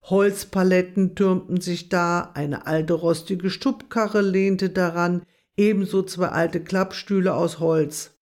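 A woman narrating a children's animal story in a calm, gentle reading voice. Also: fairly low pitch, takes it slowly.

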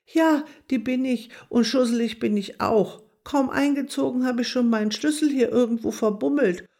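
A woman's voice: normal speed, dark tone, close to an everyday voice. A woman doing a tiny shy hedgehog girl. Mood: flustered. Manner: high small voice, at times whispering. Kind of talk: storybook reading.

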